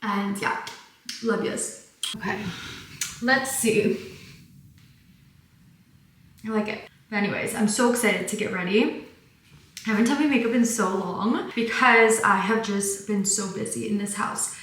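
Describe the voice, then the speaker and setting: Young woman, mid-pitched, chatty GRWM vlogger from Michigan, rambling delivery, very roomy echo. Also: a little slow, pauses often, a bit bright, slight background noise. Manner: chatty, rambling, heavy use of "like". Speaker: beauty vlogger. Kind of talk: casual get-ready-with-me chat. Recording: very echoey room.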